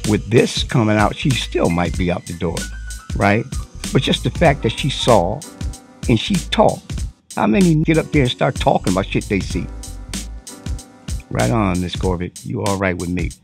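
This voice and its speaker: A man's voice: fairly low pitch, sing-song, normal speed, vocal fry, pauses often, over music. A man giving a profane, unscripted commentary monologue, talking animatedly and mocking the voices he quotes. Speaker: online commentary host.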